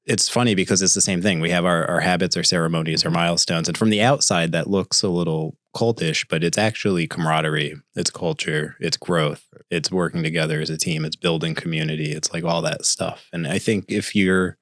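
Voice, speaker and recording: A man hosting a podcast, asking questions in a relaxed, casual way. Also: low-pitched, brisk, hardly any pauses, no echo, studio quality. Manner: relaxed, with short agreeing replies. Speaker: podcast host. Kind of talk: casual interview chat.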